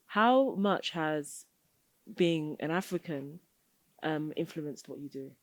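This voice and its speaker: Woman co-host asking thoughtful questions, lowish voice, dry close sound. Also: expressive, slow, no echo. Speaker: podcast co-host. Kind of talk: casual interview chat.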